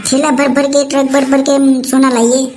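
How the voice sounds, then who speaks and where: A woman's voice: high-pitched, little pitch movement, normal speed, noisy background, natural voice. A woman playing a sarcastic daughter-in-law. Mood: defiant. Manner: talks back, sarcastic. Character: sharp-tongued defiant young daughter-in-law. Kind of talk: comic family skit.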